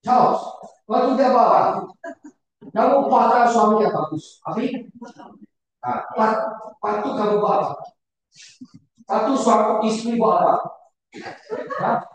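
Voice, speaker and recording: A man preaching a sermon to a congregation, repeating words and shouting for emphasis, often putting questions to his listeners. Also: very high voice, slow pace, pauses often, slight background noise. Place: church hall. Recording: very echoey church hall, far from the mic.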